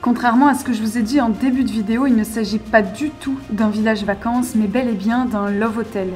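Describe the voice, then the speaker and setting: Excited young French woman vlogger, dark voice. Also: fairly high pitch, fairly quick, soft background music. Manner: excited, chatty, often hushed while exploring. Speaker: urbex vlogger. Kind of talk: casual vlog narration with sponsored segment. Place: outdoors at an abandoned resort.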